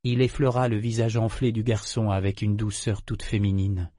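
A man narrating a novel in a measured, steady storytelling manner. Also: lowish voice, dry recording, clean studio sound. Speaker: audiobook narrator. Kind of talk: scripted narration.

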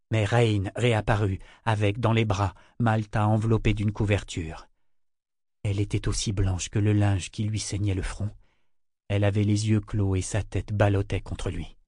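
A man reading a novel aloud as audiobook narrator, in an even, measured storytelling manner. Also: fairly low pitch, breathy edge, no echo, studio quality.

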